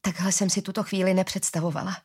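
A woman reading the lines of a remorseful, stubborn young woman in a storybook, in an emotional, pleading way and with a husky voice. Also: mid-range voice, level tone, darkish tone. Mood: tender.

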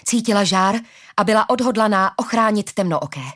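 Female narrator, steady audiobook read. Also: mid-range voice. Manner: steady storytelling.

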